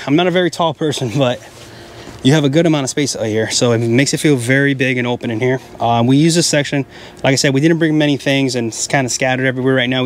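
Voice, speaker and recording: A camping vlogger in his thirties gives a casual tour of a big tent at a wooded campground, chatting and explaining as he points things out. He holds a handheld mic, and his medium-pitched voice comes with a little hiss or hum.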